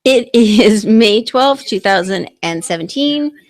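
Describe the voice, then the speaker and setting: A woman's voice: mid-range voice, animated, slow pace. A woman hosting a live online talk stream, chatting casually and rambling with restarts on a computer mic.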